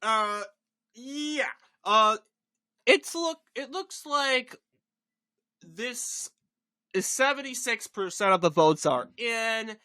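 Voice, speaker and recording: Bright-voiced young man as election night analyst. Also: extremely high pitch, animated, clean tone. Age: young adult, about 20. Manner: halting, rambling, self-correcting. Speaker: channel host giving election results analysis.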